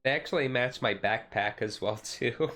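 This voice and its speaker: This mid-range male voice belongs to someone hosting a relaxed ASMR-type card showcase stream. He goes through the cards haltingly and casually, keeping his slightly rough voice gentle.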